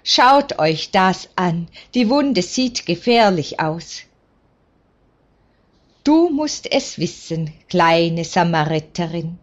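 A stern, caring country doctor from an old storybook, voiced by a woman reading aloud. He speaks bluntly and earnestly, in a slow, unhurried delivery. The recording sounds somewhat dull and muffled. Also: lowish voice, very animated. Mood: concerned.

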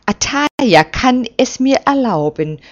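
A stern, commanding old man from a storybook reading, weighing each word with deliberate, unhurried authority, as a woman puts him on. The delivery is very slow. The sound is dull and lo-fi. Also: a little high, lively intonation, pitched above the performer's own voice. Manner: firm, measured, reproving. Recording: dull lo-fi recording.

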